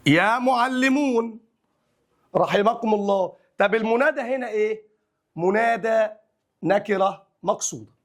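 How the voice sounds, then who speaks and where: Brisk Egyptian teacher with a high voice. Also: male voice. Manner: drawls example phrases slowly, then explains briskly in colloquial speech. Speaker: Arabic grammar teacher. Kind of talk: classroom lesson explaining grammar exercises.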